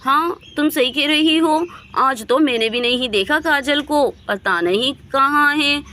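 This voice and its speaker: A woman's voice: high voice, unhurried, sharp tone. A woman voicing a kindly village sister-in-law chatting with neighbors. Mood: easygoing. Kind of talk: doll story voice acting.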